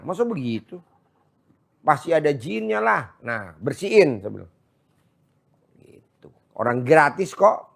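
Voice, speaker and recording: A high-voiced man talks in a boisterous, joking way. He sounds far from the mic in a very echoey space. His manner is teasing and loud. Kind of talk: casual chat with visitors. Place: large echoey space, maybe a sheep barn.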